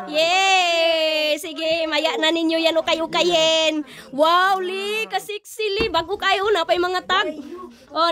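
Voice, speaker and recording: A very high-pitched woman keeps exclaiming as she talks to her viewers, in an unhurried rhythm. A loud crowd of voices surrounds her the whole time. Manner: exclaims constantly, addresses viewers as friends. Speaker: vlogger. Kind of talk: excited unboxing vlog. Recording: loud crowd of people around.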